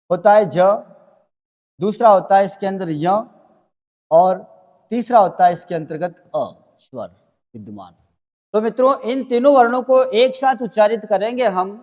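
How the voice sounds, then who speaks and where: A man with a high voice teaching a grammar lesson. He explains each point step by step, putting questions to his students and answering them himself. A long reverb hangs on his voice from the room. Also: darkish tone.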